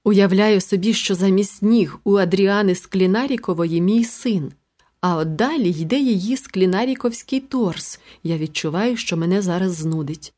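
Woman reading a novel out loud, dry ironic tone, ordinary mid pitch. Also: moderate pace. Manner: wry, ironic storytelling. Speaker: audiobook narrator. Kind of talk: first-person audiobook narration.

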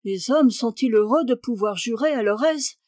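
A woman's voice: fairly high pitch, lively intonation, normal speed, darkish tone, no echo, studio quality, natural voice. Woman voicing a fussy, imperious baroness. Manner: exclamatory and scolding.

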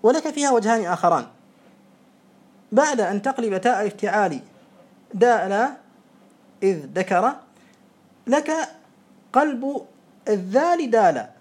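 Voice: mid-range voice, darkish tone, breathy edge. Methodical teacher quizzing a student. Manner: methodical explaining, repeating examples and quizzing a student. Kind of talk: classroom lesson.

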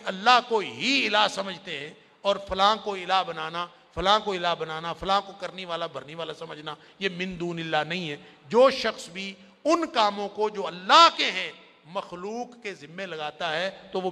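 A man giving a sermon-style summary of the Quran, impassioned, swinging from loud emphasis to near-whisper. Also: high voice, gravelly. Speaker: Quran scholar and preacher. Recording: long hall reverb.

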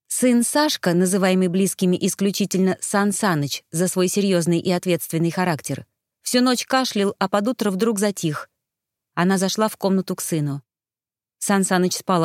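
A woman reading a story aloud in calm, measured narration. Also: on the low side, no room sound, studio quality. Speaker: audiobook narrator. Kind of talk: scripted narration.

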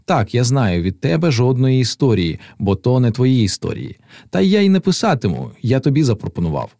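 A man's voice: medium pitch, very animated, brisk, vocal fry, warm tone, no echo, clean studio sound. A man reading a young poet's lines in an audiobook, tender and lightly playful.

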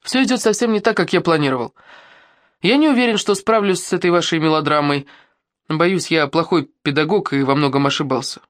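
A woman's voice: deep voice, a little fast, dry recording, clean studio sound, lightly acted. A woman reading an audiobook, voicing a tired grown man who leads a youth camp and admits he is unsure of himself. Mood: resigned. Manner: hesitant, resigned. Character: adult male camp leader, tired and unsure.

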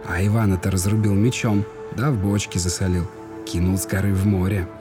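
A man narrating a fairy tale in a measured, solemn storybook manner. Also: low-pitched, fairly even intonation, over music. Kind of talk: storybook reading.

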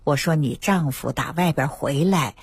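A woman traditional Chinese medicine doctor, giving a lively radio health talk and acting out her patients' words. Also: deep voice, moderate pace, breathy edge, dry recording. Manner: lively storytelling, acts out patients' quoted words. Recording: dry radio studio.

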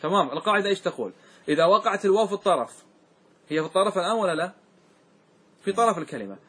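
Male teacher, slightly high and husky, leads a classroom grammar lesson with questions. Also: lively intonation, very fast, bright, forceful tone. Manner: asks students questions and repeats answers.

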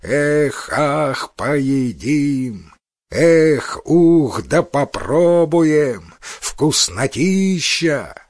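A man's voice: on the high side, animated, extremely slow, no echo, clean studio sound. A man voicing a crowd of hungry man-eating island monsters, chanting gleefully as they dance, in a storybook reading.

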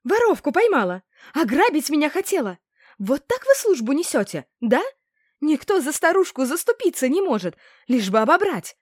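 A woman voicing a scheming old herb seller from a storybook, her voice jumping high and shrill. She wails and scolds loudly, playing up her outrage. The recording is close and dry. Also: sing-song, moderate pace, no echo. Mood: shrill wailing. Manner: loud, wailing and indignant.

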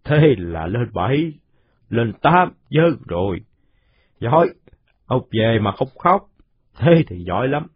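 A man's voice: medium pitch, very animated, slightly rough, dull audio, heavily acted. A man doing a jovial toothless old man. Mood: hearty. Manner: slow, hearty, teasing.

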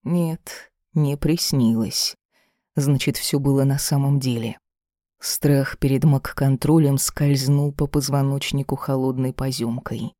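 A narrator giving an even, measured reading of a fantasy novel as an audiobook. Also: mid-range voice, no echo, studio quality.

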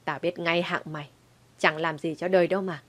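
Angry old mother-in-law yelling, scolding nonstop , woman playing her. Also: fairly low pitch, steady tone, fairly quick, natural voice. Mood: furious scolding.

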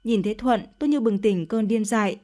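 A woman's voice: mid-range voice, brisk, mellow. A woman narrating a dramatic first-person story in an emotional, confessional tone.

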